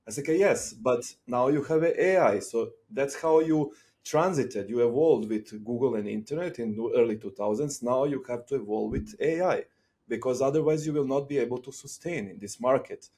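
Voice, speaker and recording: A man from Serbia talking in a relaxed podcast conversation, thinking aloud with fillers and restarts. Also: mid-range voice, moderate pace. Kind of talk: casual conversation.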